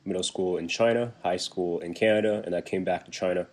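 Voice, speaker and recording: Deep-voiced young man, chatty with fillers. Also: fairly even intonation, a little fast, slight background noise. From Taiwan. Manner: chatty, many fillers and restarts. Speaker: business development manager. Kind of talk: casual interview answers. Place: remote video call, at home. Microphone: video call.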